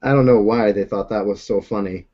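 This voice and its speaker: A young man hosts a casual video call from a room at home, rambling and laughing often into his own desk microphone. His voice is on the low side and dark-toned, his pace brisk, and the audio dull.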